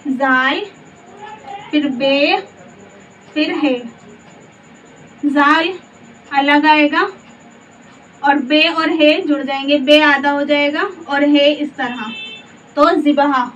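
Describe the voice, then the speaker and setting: A woman teaching a slow Urdu spelling lesson. She says each letter in turn, then reads out the whole word, and she asks the learner questions along the way. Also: high-pitched, fairly even intonation, a bit bright. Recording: dull, muffled audio from a distance with faint background hiss.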